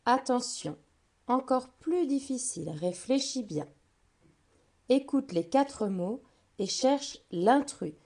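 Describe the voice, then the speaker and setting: A woman giving a phonics lesson to a child, saying each word slowly and clearly and speaking to the listener directly. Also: a little high, dark tone. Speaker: teacher.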